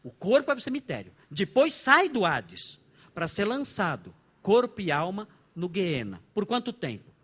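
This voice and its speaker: A man's voice: high-pitched, moderate pace, slightly rough. A middle-aged man with a Brazilian Portuguese accent, preaching as a pastor at a church conference. He asks his audience rhetorical questions and jokes often. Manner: animated and joking, with frequent rhetorical questions. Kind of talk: conference sermon lecture.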